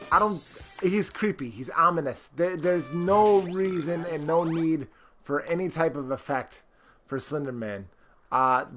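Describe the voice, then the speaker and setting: A man's voice: on the high side, fairly bright tone. A man streaming a character-creation game, rambling with lots of fillers and greeting chat viewers. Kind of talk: casual live-stream commentary.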